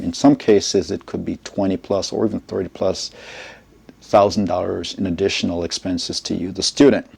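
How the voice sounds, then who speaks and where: A middle-aged man speaks in a low, gravelly, mellow voice. He talks in a measured, explanatory way, often checking in with his listeners as he gives advice. He sounds like a seasoned college educator talking straight to camera. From Jamaica. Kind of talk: informational advice talk to camera.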